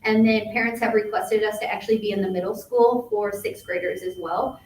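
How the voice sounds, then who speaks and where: A woman's voice: mid-range voice, steady tone, brisk, darkish tone, slight background noise. A woman giving an upbeat youth services update at a township board meeting, with frequent fillers. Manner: upbeat, filler-heavy report. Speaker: youth services staff presenter. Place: meeting room. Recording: echoey room from far off.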